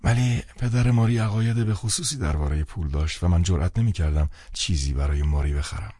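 A man narrating a novel as an audiobook in calm, measured first-person storytelling. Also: low-pitched, husky, no echo, clean studio sound. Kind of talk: scripted narration.

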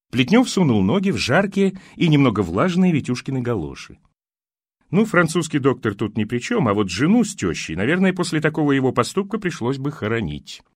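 A man reads a novel aloud in an expressive, wry storytelling voice. His pitch swings widely through the sentences. The recording is close and dry, with no room sound. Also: no echo. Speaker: narrator. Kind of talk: audiobook narration.

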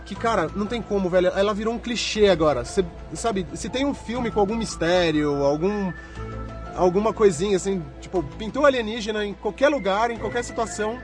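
A man's voice: sits high, a little fast, music in the background. A man co-hosting a podcast in a laid-back, easygoing way. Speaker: podcast co-host. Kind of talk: casual banter.

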